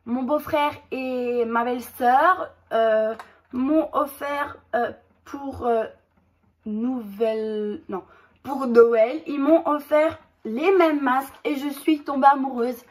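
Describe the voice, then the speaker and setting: Woman vlogger, high-pitched, halting casual haul chat, stops often to read labels. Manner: reads product packaging aloud, hesitant with many fillers. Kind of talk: casual product haul vlog.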